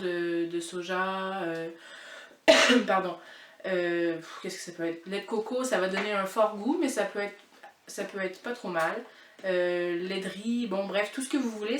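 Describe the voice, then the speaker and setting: A woman with a mixed Québécois and French accent talks casually through a homemade cooking vlog, pausing on lots of filler sounds. She is picked up from a distance in an echoing kitchen. Clear noise sits behind her voice. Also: mid-range voice. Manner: hesitant, many filler sounds. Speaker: cooking vlogger. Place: home kitchen. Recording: echoey room, mic far off, noisy.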